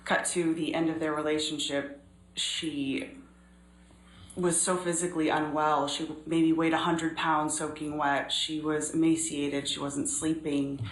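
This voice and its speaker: A woman in her thirties giving measured, earnest courtroom testimony as a witness, pausing often. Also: low-pitched, level tone. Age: 30s. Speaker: trial witness. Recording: echoey courtroom recording, faint noise.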